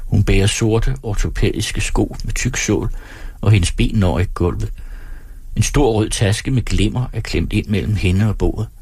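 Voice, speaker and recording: Husky low-voiced male narrator. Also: a little mellow, no echo. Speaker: audiobook narrator. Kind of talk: scripted narration.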